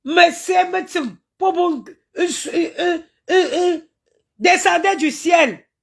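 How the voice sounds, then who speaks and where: This Cameroonian woman speaks slowly in a very high-pitched, gravelly voice. Indignant and impassioned on her live stream, she stammers and chants invocations as she rants.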